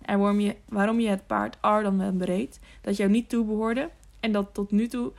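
A young male knight presses one question after another, openly incredulous, as a woman reads him in a storybook. His voice sits at a middle pitch. It is part of an audiobook reading. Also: fairly even intonation, moderate pace, vocal fry, a little mellow, lightly acted. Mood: pressing.

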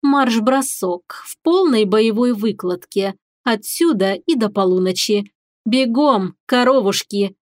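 A woman voicing a cruel, sneering female drill instructor in an audiobook, spitting out insults slowly and with contempt. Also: a little high, dry recording, studio quality, lightly acted. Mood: menacing. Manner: slow, spat-out insults, contemptuous. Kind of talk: audiobook character voice.

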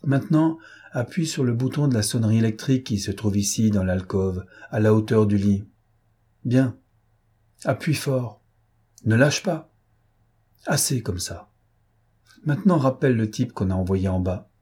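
A man voicing a cool, ironic gentleman thief who gives imperious orders in an audiobook. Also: lowish voice, normal speed, long pauses, slightly rough. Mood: commanding. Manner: imperious, calmly mocking orders. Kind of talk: audiobook character reading.

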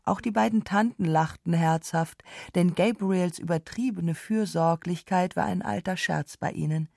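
Woman narrator for a radio play, lowish voice, dry studio sound, measured literary delivery. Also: creaky, a little mellow, dry recording. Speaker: narrator and voice actor. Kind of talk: radio drama reading.

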